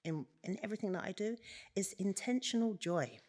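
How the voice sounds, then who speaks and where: A woman's voice: medium pitch, animated, a little fast, darkish tone. A woman guest on a podcast, chatting casually and laughing often. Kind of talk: casual chat.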